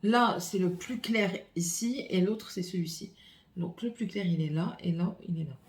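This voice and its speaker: A woman's voice: on the low side, moderate pace, a little mellow. A woman vlogger filming a casual makeup haul at home on her phone, chatting and thinking aloud as she opens and swatches products. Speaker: beauty vlogger. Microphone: phone camera.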